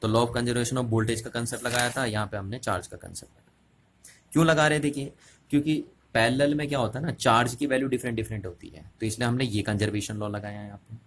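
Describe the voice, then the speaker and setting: A man's voice: mid-range voice, fairly even intonation, fast talker, fairly bright tone, slight background noise. A man teaching a physics lesson at a board, explaining step by step and often checking with the students. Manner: repetitive, checking questions to students.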